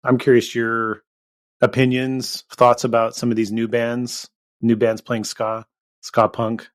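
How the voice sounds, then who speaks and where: A man's voice: medium pitch, monotone, a little slow. A man hosting a podcast, asking casual interview questions in a hesitant, roundabout way.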